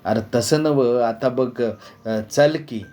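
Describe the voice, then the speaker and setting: Brief: narrator as pleading rural cobbler, hesitant, stammering. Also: male voice, mid-range voice, slow pace, warm tone, lightly acted. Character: anxious village cobbler, male, pleading.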